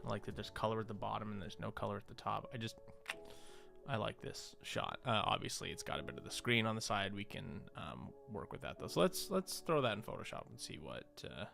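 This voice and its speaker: With faint music behind him, a man with a lowish, gravelly yet fairly bright voice speaks expressively and fairly quickly. He's a visual artist on a livestream, musing in hesitant fragments as he casually narrates his on-screen work.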